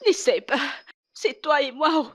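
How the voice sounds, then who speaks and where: A brash, quick-tempered young wife in a dubbed film drama. Her voice sits high, and she taunts and repeats her warnings without backing down. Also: fairly bright tone. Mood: defiant. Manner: defiant, taunting, repetitive. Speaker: wife in a marriage dispute. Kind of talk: French dub of a film drama.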